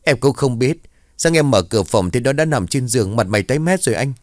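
An anxious, gentle young mother, put on by a man who lifts his voice into a pleading tone. The delivery swings widely, recorded dry and close. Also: mid-range voice, animated, fast talker, no echo, voice pushed up, natural voice. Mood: worried. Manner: raised pleading tone.

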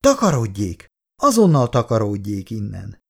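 A man's voice: fairly low pitch, huge pitch swings, vocal fry, full character voice. A man putting on a cold, indignant office woman. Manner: cold and furious.

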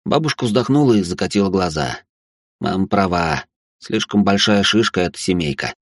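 A man reads a first-person novel in a wry, conversational tone. His voice is low and husky, recorded dry and close with no room sound. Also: lively intonation, moderate pace, dry recording. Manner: wry, conversational inner monologue. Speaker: audiobook narrator.

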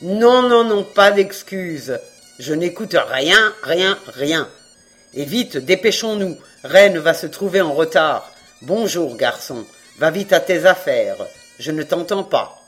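A reader voicing a jovial, booming older fishmonger in an audiobook, loud and full of mock anger. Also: animated, slow, husky, soft background music, heavily acted. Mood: mock-angry. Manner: loud, laughing, mock-angry. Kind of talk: audiobook reading.

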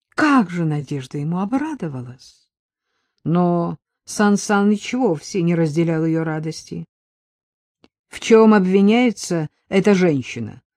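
A woman reading an audiobook in a measured, expressive way. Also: on the low side, dry recording, studio quality. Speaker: audiobook reader. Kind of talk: scripted narration.

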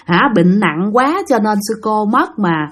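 A woman voicing a calm, older female office clerk, explaining slowly and knowingly. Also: mid-range voice, slightly rough.

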